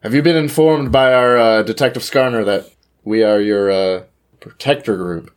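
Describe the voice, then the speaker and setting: A man's voice: lowish voice, normal speed, clean tone, close to an everyday voice. A man voicing an earnest male orc adventurer who speaks in stilted, formal phrases.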